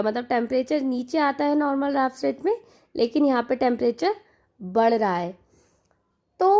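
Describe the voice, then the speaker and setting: A woman's voice: high voice, darkish tone. A woman teaching an online lesson, mixing Hindi and English and repeating key terms for her learners. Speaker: online exam-prep teacher. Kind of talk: Hindi-English mixed lecture explaining to learners.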